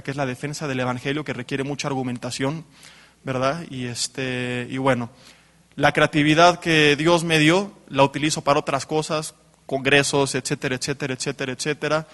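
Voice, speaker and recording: A man's voice: on the high side, fairly bright tone. A man, preaching a sermon to young people as a storytelling pastor who keeps adding tag questions. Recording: reverberant hall.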